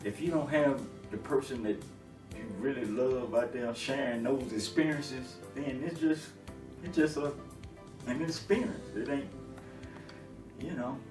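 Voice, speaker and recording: A middle-aged long-haul truck driver sits on a living room sofa for a relaxed interview, speaking easygoingly in a mid-range, slightly slow voice. His talk is full of fillers and restarts, and the roomy, distant recording has music underneath.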